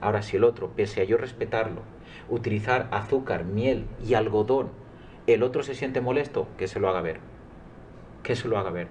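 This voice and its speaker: A man's voice: lowish voice, moderate pace, a little mellow, slight background noise. A middle-aged man, a coach, answering interview questions earnestly and emphatically. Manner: earnest, emphatic, quotes his own dialogues.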